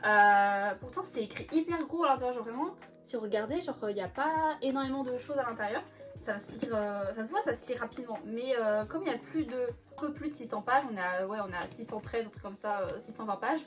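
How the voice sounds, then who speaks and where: Chatty young woman, bright voice. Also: on the high side, lively intonation, brisk, soft background music. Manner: chatty, laughs often, many fillers. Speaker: book vlogger. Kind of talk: casual chat. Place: bedroom floor by a bookcase.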